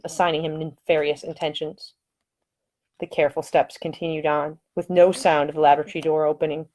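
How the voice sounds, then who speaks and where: With a fairly low-pitched voice, a woman narrates her own romance novel as a scripted audiobook, telling the story expressively and dramatically.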